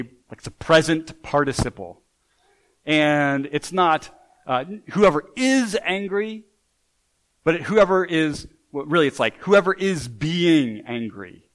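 A man's voice: a little high, a bit bright, poor audio. A man preaching a sermon in a conversational way, often restarting sentences and checking in with "right?". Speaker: pastor.

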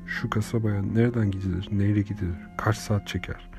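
A man narrating an audiobook in a measured, unhurried storytelling manner. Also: on the low side, fairly even intonation. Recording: reading over clear background music.

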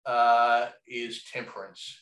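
A man's voice: medium pitch, monotone, slow pace, fairly bright tone. A man talking casually and reflectively, rambling with lots of fillers and the odd swear word. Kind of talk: casual conversation. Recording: echoey room.

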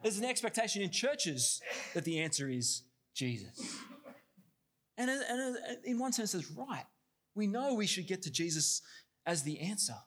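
A man's voice: sits high, very animated, a little slow, a bit bright. A man reading scripture steadily, then preaching with many fillers and restarts.

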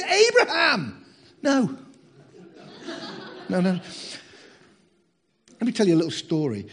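A man's voice: fairly high pitch, darkish tone, breathy edge. A man preaching a sermon in a humorous, chatty way, teasing his congregation.

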